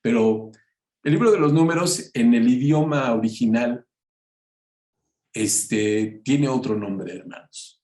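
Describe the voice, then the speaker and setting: Guy teaching bible study, slow, lots of "este", echoey room. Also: medium pitch, a little mellow. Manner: slow and unhurried, many filler "este", addresses listeners as brothers.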